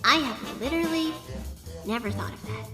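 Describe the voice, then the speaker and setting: A man voicing a childlike little robot in a squeaky, singsong robot voice for a comedic skit. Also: expressive, moderate pace, over music. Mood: eager. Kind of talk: comedic skit in a cartoon review.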